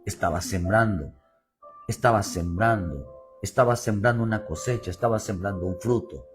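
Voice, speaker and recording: A man's voice: lowish voice, normal speed, over music. A male pastor with a Mexican Spanish accent, preaching a sermon with repeated phrases and swelling emphasis, often calling the listeners "brother". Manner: preaching with repetition and rising emphasis, addressing "hermano".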